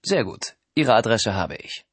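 A man's voice: on the low side, sing-song, a little slow, slightly rough, no echo, heavily acted. A man voicing a man who puts on a clumsy French accent to pose as a formal art agent. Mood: stiffly formal. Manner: stiff, over-careful, formal.

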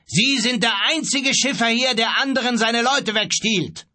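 A hot-tempered ship captain who bellows threats and orders, as a male narrator puts him on, his voice pushed up high. There is a husky edge to it, recorded dry and close. It sounds like a storybook reading. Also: very animated, moderate pace, dry recording. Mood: blustering, threatening. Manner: loud, threatening, commanding.

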